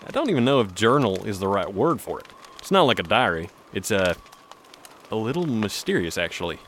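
A man's voice: on the low side, very animated, a little fast, fairly bright tone, slight background noise. An actor playing a folksy mountain man telling a story by the campfire in an audio drama.

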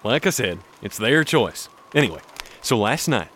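A man's voice: medium pitch, big pitch swings, moderate pace, a bit bright, slight background noise. An actor playing a folksy mountain man telling a story by the campfire in an audio drama.

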